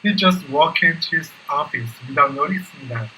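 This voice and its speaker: Korean-accented male, bright, slightly high voice, echoing phrases a beat behind in halting repetitive English drills, faint room noise. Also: animated. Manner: echoing English clip lines a beat behind, repeating them over and over. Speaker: live-streaming English learner. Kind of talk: shadowing practice, repetitive drilling.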